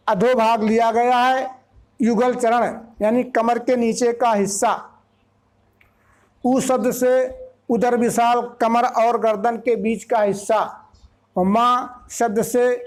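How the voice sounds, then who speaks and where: A spiritual teacher giving a discourse, explaining slowly and drawing out single syllables with care. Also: mid-range voice.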